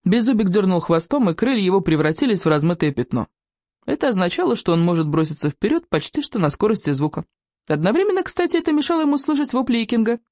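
An expressive reader narrating a children's adventure audiobook. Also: medium pitch, fast, no room sound, studio quality. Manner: lively, expressive storytelling.

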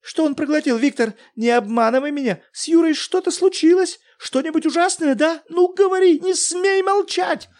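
A man voicing a panicky middle-aged wife in an audiobook, shrill and pleading. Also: lively intonation, moderate pace, darkish tone. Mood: frantic. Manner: shrill, pleading, near hysterical.

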